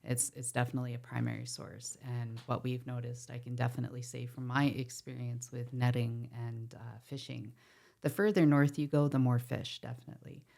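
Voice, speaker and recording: A woman's voice: very deep voice, level tone, a little fast, creaky, warm tone. A woman from Ontario, a podcast guest talking earnestly and passionately about protecting water, with wry asides. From Ontario, Canada. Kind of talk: podcast conversation. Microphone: podcast mic.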